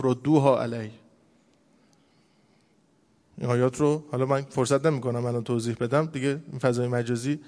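A man giving a casual, conversational religious sermon as a preacher, telling stories and slowing down to recite scripture. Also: mid-range voice, in a large hall.

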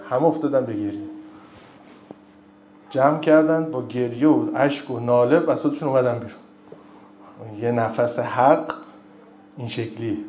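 A man's voice: mid-range voice, darkish tone, slight background noise. A man giving an informal religious lecture, telling stories with joking asides and reciting old narrations in between. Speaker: religious speaker. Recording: roomy echo.

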